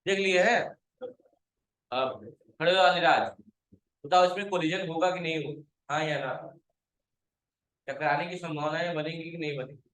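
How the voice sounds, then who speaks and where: A man's voice: fairly high pitch, fairly even intonation, a little fast, fairly bright tone, reverberant, poor audio. A male computer teacher giving a classroom lecture, quizzing his students, calling them to stand and scolding those who have not understood.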